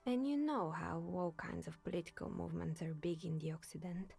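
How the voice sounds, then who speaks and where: A woman voicing a chatty older woman in a video game, telling local stories in a dry, wry, breathy way. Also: fairly low pitch, animated, fairly quick, darkish tone, soft background music, full character voice. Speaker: game character. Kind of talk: voiced video game dialogue.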